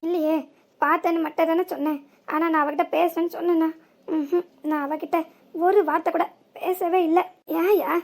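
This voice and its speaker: A woman's voice: very high voice, fairly even intonation, moderate pace. A woman voicing an evasive, teasing middle-aged village man with a southern Tamil Nadu accent in a cartoon. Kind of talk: cartoon voice acting.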